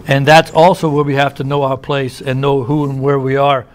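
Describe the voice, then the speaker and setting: A man's voice: mid-range voice, little pitch movement, moderate pace, a little hiss or hum. A man preaching a sermon in a church, conversational, with asides and restarts. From United States.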